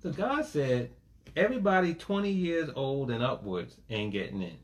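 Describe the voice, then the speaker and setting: A pastor preaches a very animated sermon at normal speed in a medium-pitched voice, calling for amens and blending scripture with folksy everyday stories. He uses call-and-response, adds folksy asides, and repeats "amen."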